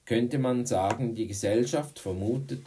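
A man voicing a friendly, witty female teacher in an audiobook, with a raised, lively voice. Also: mid-range voice, unhurried, recorded from a distance, a little hiss or hum, voice pushed up, natural voice. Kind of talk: audiobook reading.

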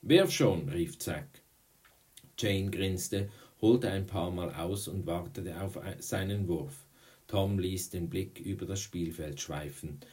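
A man's voice: sits low, steady tone, slow pace, darkish tone. A man reading a children's novel aloud, often slipping and correcting himself. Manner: frequent slips and self-corrections. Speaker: reader.

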